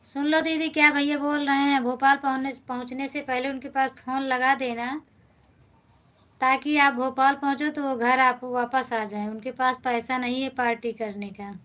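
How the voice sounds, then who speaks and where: A woman hosting a casual live stream from a phone, reading viewers' comments and gently soothing them, calling them brother and sister. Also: high-pitched, fairly even intonation, normal speed. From India.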